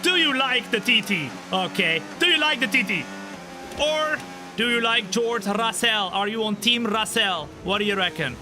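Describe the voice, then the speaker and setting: A man's voice: sits high, lively intonation, moderate pace. A twenty-five-year-old man streaming a racing game live, chatting with viewers and calling the race in a joking, self-teasing way. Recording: game engine noise behind voice. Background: racing car engine sounds.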